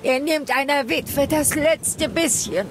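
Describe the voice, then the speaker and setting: A woman's voice: high-pitched, slow, background noise. A female actor playing a bitter, secretive widow in a fantasy video game, with a dramatic delivery. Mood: wary, bitter. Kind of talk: scripted video game dialogue in German dub. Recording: rain and thunder ambience behind.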